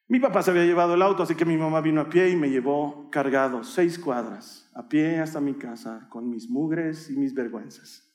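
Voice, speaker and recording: A male preacher telling a personal story in a sermon, animated and acting out the voices of the people in it. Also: on the high side. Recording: echoey room.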